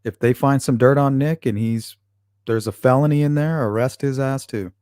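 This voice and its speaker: This casual livestream features a male host who reads out viewer comments and responds bluntly, swearing often and talking back to chat. His medium-pitched voice is darkish, clear and resonant at normal speed, with studio quality and no room sound.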